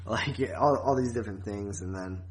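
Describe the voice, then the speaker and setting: On a podcast, a co-host with a voice on the low side talks about a TV series at normal speed. His review is casual, slangy and conversational.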